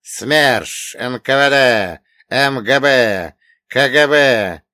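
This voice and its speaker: A man's voice: medium pitch, very slow, bright, forceful tone, no room sound, clean studio sound, voice pushed up. A man voicing a cold, scornful middle-aged oligarch who barks his lines in an audiobook. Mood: menacing. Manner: scornful, barking.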